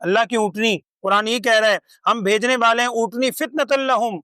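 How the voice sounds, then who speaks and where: An older man giving a Quran commentary lecture to a seated audience, explaining slowly, reciting verses and asking rhetorical questions. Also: very high-pitched, fairly even intonation, bright, forceful tone, smooth, no room sound, clean studio sound. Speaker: Quran teacher.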